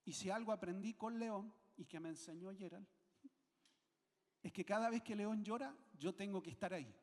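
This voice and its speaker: A man's voice: high-pitched, normal speed, darkish tone, big-room sound. A man from Chile, speaking with a Chilean accent, preaching a sermon as pastor, emphatic and repeating phrases for weight. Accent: Chilean Spanish.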